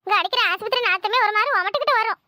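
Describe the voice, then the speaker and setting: A woman's voice: very high-pitched, rapid-fire, pushed and bright, no room sound, clean studio sound. A woman voicing a fussy, superstitious older village mother-in-law in a cartoon, with a Tirunelveli Tamil accent and a scolding, fretful way of talking. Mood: fussing. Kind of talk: cartoon voice acting.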